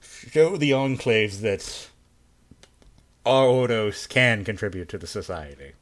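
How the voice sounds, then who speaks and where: A man's voice: fairly low pitch, animated, slow. A man voicing a stern, bureaucratic male interrogator in a tabletop game, with a formal, dryly sardonic address. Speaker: game master.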